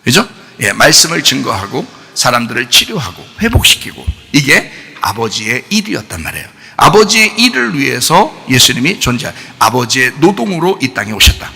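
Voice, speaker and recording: A man pastor preaches a lively sermon in a church sanctuary, his voice ranging widely as he acts out quoted lines. The tone is bright and gravelly with some huskiness. A long reverb hangs in the hall around him. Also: normal speed. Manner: animated, asks the congregation questions; acts out quoted voices with big swings in pitch and loudness.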